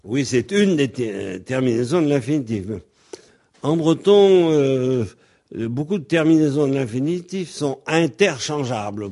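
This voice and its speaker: A man's voice: mid-range voice, dark tone. A man teaching pronunciation, speaking hesitantly with frequent ums and spelling words out letter by letter. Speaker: Breton language teacher.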